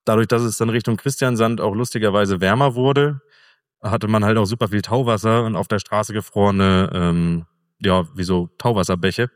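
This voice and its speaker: A middle-aged man as an interview guest, telling a travel story in a relaxed, rambling way with fillers. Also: on the low side, moderate pace, dry recording, clean studio sound, long reverb tail. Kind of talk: casual conversational storytelling.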